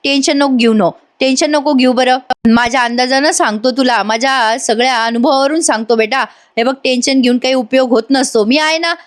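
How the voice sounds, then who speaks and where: A woman's voice: sits high, a little fast, few pauses, close to an everyday voice. Woman voicing a fussy, doting old father-in-law. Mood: consoling. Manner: fussy, scolding then coaxing.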